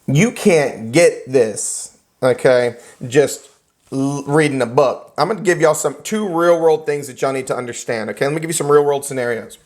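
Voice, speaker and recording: A man with a drawl teaches a classroom of real estate students. He lectures in an animated, joking way and slips into little acted-out scenes. He talks to the room as he goes. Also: medium pitch, moderate pace. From United States. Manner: animated, joking, acts out characters.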